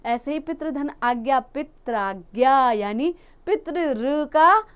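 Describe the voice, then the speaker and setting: A woman's voice: sits high, animated. A woman teaching a grammar lesson to children, explaining step by step and asking questions she answers herself. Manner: addresses children, often drawn-out words.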